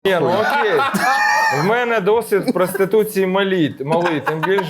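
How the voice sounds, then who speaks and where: A man's voice: sits high, normal speed, heavy background noise. A man doing stand-up crowd work, teasing and reasoning aloud in a comedy club.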